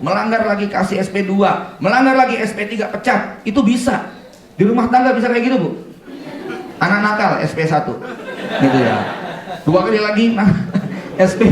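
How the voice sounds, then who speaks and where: A middle-aged man giving a seminar talk as an Islamic preacher, asking rhetorical questions, adding humorous asides and reciting Arabic verses. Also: high-pitched. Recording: echoey hall, mic from far off.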